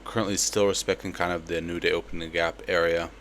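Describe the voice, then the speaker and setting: Young guy with a slight lisp, deep and pretty monotone, faint ac hum behind him. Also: fast talker. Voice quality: slight lisp from a palate expander. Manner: casual, relaxed, with fillers. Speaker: trading educator. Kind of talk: screen-recorded trade breakdown.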